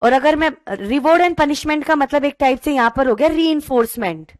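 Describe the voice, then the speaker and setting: Lady teacher, high voice, slow and careful, dry close sound. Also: animated, no room sound. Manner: explains slowly, reads questions word by word; calls students "beta", mixes English into talk. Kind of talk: online pedagogy class.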